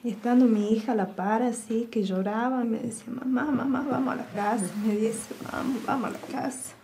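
A woman with an Argentine accent giving personal testimony, recounting events by quoting dialogue in a low, subdued way. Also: steady tone, a little fast, vocal fry, mellow, slight background noise. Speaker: interviewee.

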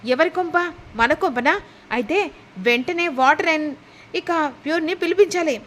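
A woman's voice: sits high, measured pace, fairly bright tone, a little hiss or hum. A woman voicing a flustered, dramatic young husband in a retold serial. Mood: startled.

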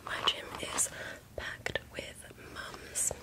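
A woman in her twenties performs fast ASMR entirely in a whisper. The sound is breathy and unvoiced, close to the listener. She loops single words and gives short, soft instructions. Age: 20s. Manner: repeats words over and over, giving soft instructions. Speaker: ASMR creator. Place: small bedroom indoors.

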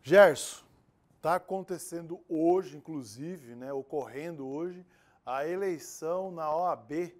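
A man's voice: on the high side, slow pace, darkish tone. A man with a Brazilian Portuguese accent anchoring a live news show, handing over to a reporter in a friendly, conversational way. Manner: friendly, conversational, asks questions.

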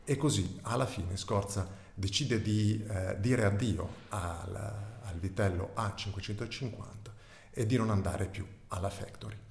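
A man's voice: fairly low pitch, measured pace, gravelly. Give me a hesitant man introducing his novel, in a roomy echo. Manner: hesitant, many filler sounds. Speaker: author. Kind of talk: presenting and reading his novel.

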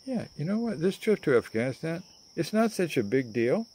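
An older man voicing a dreamy young hippie woman traveler who prays softly and muses aloud, recorded close on a phone camera in a garden outdoors. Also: a little high, sing-song, moderate pace, slightly rough, pitched above the performer's own voice. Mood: musing.

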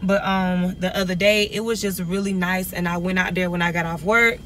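A woman's voice: on the low side, fairly even intonation, moderate pace, fairly bright tone, a little hiss or hum. A young woman, chatting casually to viewers in a vlog from her phone. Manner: chatty, rambling, addresses viewers as y'all. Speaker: vlogger. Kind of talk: casual vlog chat to camera. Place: home living room, then parked car. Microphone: phone camera at arm's length.

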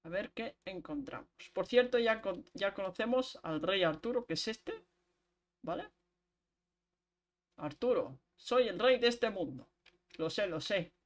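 A chatty young woman, streaming a game. She keeps up a running talk with her audience and breaks into quick laughs. Her voice sits at an ordinary middle pitch. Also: lively intonation. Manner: chatty, talks to chat while playing, quick laughs. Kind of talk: casual gameplay chat.

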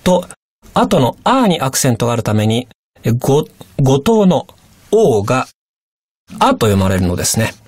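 A male teacher explains patiently and politely for a radio language lesson. His pitch moves in a lively, animated way. The sound is dry and close. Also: moderate pace, long pauses, breathy edge, dry recording.

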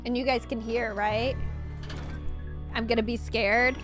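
A young woman live-streaming a game, gushing with excited exclamations as she chats to her viewers. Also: on the high side, unhurried, over music. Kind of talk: live gameplay stream chat.

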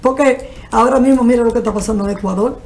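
A woman's voice: on the high side, quick pace, darkish tone. An older woman from the Dominican Republic with a Dominican Spanish accent, speaking earnestly as a guest on a TV panel show, recorded on a desk mic in a studio. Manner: earnest, gesturing, speaks in long explanatory runs. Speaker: guest, cultural manager. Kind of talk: TV panel discussion. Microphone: desk microphone.

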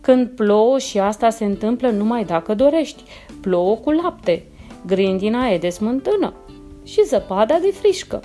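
A woman's voice: on the high side, expressive, mellow, soft background music, close to an everyday voice. A woman voicing a sly, scheming female neighbor cat in a children's storybook. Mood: coaxing.

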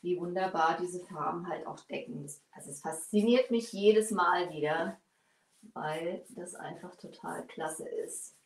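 A woman's voice: lowish voice, unhurried, far from the mic, a little hiss or hum. A woman in her forties hosting a live furniture painting tutorial, chatting while she works at her bench. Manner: chatty, bent over her work while talking. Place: small workshop studio, indoors. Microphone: far camera, no mic seen. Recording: echoey room, voice off-mic.

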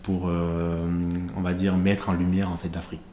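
A man in his thirties, originally from Cameroon, with a deep voice, is interviewed as a guest on a podcast and talks through his career in a steady, even, conversational way. He is measured and thoughtful, often hesitating and pausing to gather his thoughts. He speaks into a stand mic on a studio set with plants and a glass-block wall, where the sound is slightly roomy with a faint hiss.

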